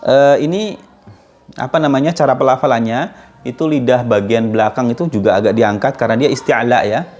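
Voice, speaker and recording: A man with an Indonesian accent teaching Arabic letter sounds, slowly drilling each sound and often clearing his throat from a cold. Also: medium pitch, a little mellow. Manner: slow, patient, repeats sounds as drills. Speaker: Quran recitation teacher.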